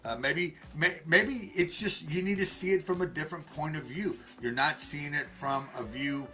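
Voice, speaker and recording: A man's voice: on the high side, normal speed, pushed and bright, soft background music. A man co-hosting a casual live stream, rambling in a friendly way with many fillers and restarts. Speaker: co-host and life coach.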